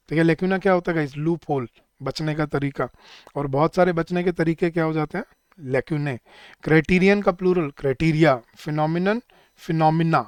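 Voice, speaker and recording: Male grammar tutor, slightly high, smooth voice, dry close recording. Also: no room sound. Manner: lists word pairs, quizzes students, calls them guys. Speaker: English teacher. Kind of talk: online exam-prep grammar lesson.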